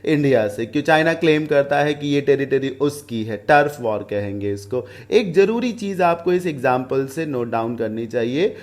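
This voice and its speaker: A man with an Indian English accent teaching English idioms, reading sentences slowly and explaining them in Hindi, spelling words out letter by letter. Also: mid-range voice, animated.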